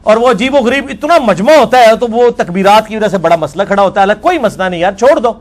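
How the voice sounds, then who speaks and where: A man speaks in the manner of a religious lecture. He reads quoted texts slowly and then comments on them forcefully. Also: sits high, animated. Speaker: religious scholar.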